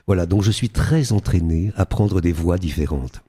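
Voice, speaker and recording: A man's voice: sits low, normal speed, dark tone, slightly rough. An older man, an actor being interviewed on radio, talking animatedly and slipping into character voices now and then. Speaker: guest actor.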